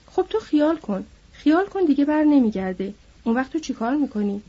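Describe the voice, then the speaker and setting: A woman's voice: high voice, big pitch swings, warm tone, dull audio. A woman voicing a bitter, lonely older male stable hand who needles and then broods, in an audiobook. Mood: needling.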